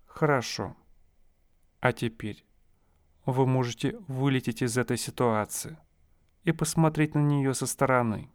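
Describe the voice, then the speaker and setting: Smooth, calm male hypnotist voice. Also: medium pitch, no echo, clean studio sound. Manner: slow, soothing, suggestive phrasing. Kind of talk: guided hypnosis session.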